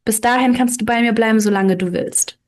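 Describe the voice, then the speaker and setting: A woman's voice: a little high, fairly quick, natural voice. A woman reading aloud and voicing a self-assured woman who lectures firmly about love and faithfulness. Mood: persuasive. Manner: firm, lecturing.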